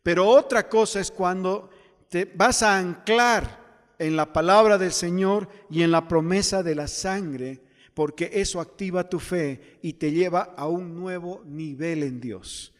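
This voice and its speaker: A pastor delivers a sermon in a high-pitched voice. He keeps turning to the congregation with rhetorical questions. His words ring out with the long reverb of a church hall. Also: a little slow.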